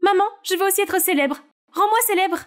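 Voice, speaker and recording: An excitable teenage girl who craves fame, as a woman puts her on in a storybook. She talks in a high, bubbly voice and pushes hard for what she wants. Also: brisk. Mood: pleading. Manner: excited and pushy. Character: eager, starstruck teenage twin sister. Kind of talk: storybook character voice.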